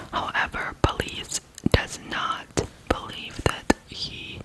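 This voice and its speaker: In a rough recording, an ASMR narrator from Ukraine speaks in hushed tones about true crime, taking it slow and pausing between clipped phrases.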